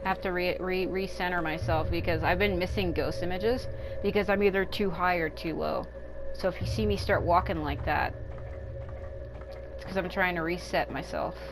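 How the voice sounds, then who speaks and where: Rambling woman in her thirties, lowish voice. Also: steady tone, normal speed, background noise. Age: 30s. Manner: rambling and candid, thinking aloud. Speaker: let's play gamer. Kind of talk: casual gameplay commentary. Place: at home. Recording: game music playing under the voice.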